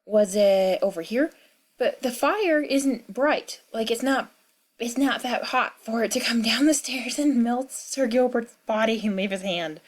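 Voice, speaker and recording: A young woman with a cold rambling through casual gaming commentary at home, chatty and full of fillers and asides. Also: a little high. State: sick with a cold, clearing throat. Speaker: gaming vlogger. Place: at home in the country.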